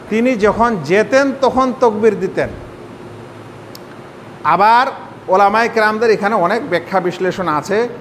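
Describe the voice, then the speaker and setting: A man with a high voice teaches prayer step by step in a sermon-style lesson. He puts rhetorical questions to the congregation as he explains. His voice carries a long hall reverb over a faint low rumble. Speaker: Islamic scholar teaching prayer.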